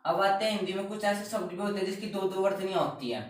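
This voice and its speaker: A man's voice: sits high, quick pace. A man teaching Hindi grammar, explaining spelling in a classroom style and keeping up a string of questions he answers himself. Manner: repetitive, keeps asking and answering his own questions. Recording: very echoey room, distant mic.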